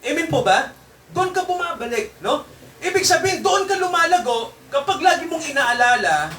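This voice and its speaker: A man's voice: very high-pitched, a bit bright, echoey room, far from the mic. A man preaching a sermon to his congregation in a mix of Tagalog and English, constantly checking in with tag questions. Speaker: pastor. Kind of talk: Taglish sermon.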